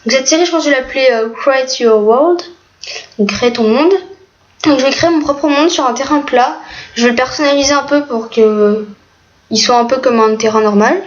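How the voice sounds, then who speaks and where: High-voiced woman rambling over gameplay. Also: a little fast. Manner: hesitant, rambling, many fillers. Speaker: gaming video creator. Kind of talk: casual gameplay commentary. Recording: muffled lo-fi mic, faint noise, keyboard clicks.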